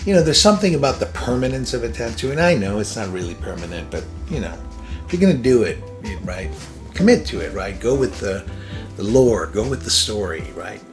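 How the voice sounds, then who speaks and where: Guy from iran, kinda low voice, rambly host talking it out with lots of ums. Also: big pitch swings, brisk, faint music behind. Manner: rambling, filler-heavy, self-interrupting; chuckles between thoughts. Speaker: podcast host. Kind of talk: casual personal monologue.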